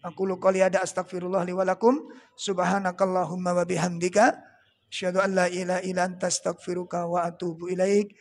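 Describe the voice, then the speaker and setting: A man's voice: high voice, flat delivery, fast talker. A man preaching a religious lecture in a Javanese accent, joking and asking the audience rhetorical questions.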